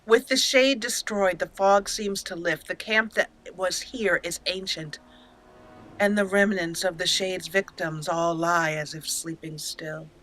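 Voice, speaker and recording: Talking to the characters as she plays, a female gaming channel host delivers expressive roleplay commentary and storytelling. Her voice is fairly low and her pace measured, though the recording is low in quality.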